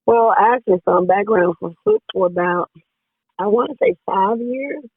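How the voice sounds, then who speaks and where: A woman singer with a hoarse, raspy voice, chatting casually as an interview guest and laughing often. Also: mid-range voice, lively intonation, moderate pace, no room sound. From Jackson, Tennessee area, US South. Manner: laughs often, repeats herself. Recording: dry phone-like line.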